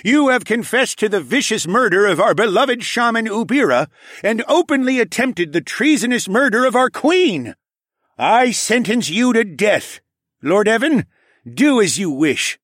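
A man voicing a stern, booming middle-aged king in an audiobook, roaring his commands. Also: big pitch swings, a little slow, fairly bright tone, no room sound, clean studio sound, heavily acted. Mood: commanding. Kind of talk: audiobook character voice.

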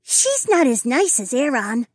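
A man's voice: extremely high pitch, big pitch swings, measured pace, breathy edge, no room sound, pitched above the performer's own voice, exaggerated voice. A man voicing a small, earnest young female snow leopard child. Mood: eager.

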